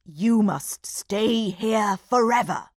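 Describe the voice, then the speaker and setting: A greedy, cunning old magician voiced by a woman reading a storybook creeps through his lines in a strained, wavering voice. He wheedles and drags each word out slowly. The sound is dry and close, with no room around it. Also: medium pitch, expressive, no echo. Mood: sly. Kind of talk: storybook read-aloud.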